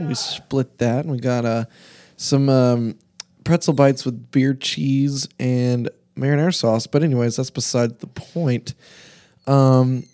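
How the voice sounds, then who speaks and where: A young man co-hosting a casual podcast, joking around and drifting through stories with lots of ums and uhs. His voice sits at an ordinary pitch with a warm, dark timbre. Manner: joking, rambling storyteller with fillers. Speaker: podcast co-host. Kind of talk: casual chat.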